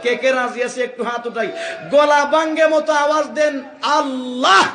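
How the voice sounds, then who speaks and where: A high-voiced man with a Sylheti Bengali accent preaches to a gathering, swinging between joking asides and loud calls for the crowd to answer. His voice booms through an echoey public address system, with a crowd faintly audible behind him. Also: normal speed, a little hiss or hum. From Sylhet, Bangladesh. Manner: humorous, calls on crowd to shout responses. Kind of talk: sermon. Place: outdoor religious gathering with crowd.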